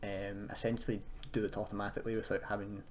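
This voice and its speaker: This fast-talking young man has a fairly low voice and a level tone. As a university student presenting a casual unscripted coding tutorial, he explains hesitantly with self-corrections, and the recording has clear noise and keyboard typing.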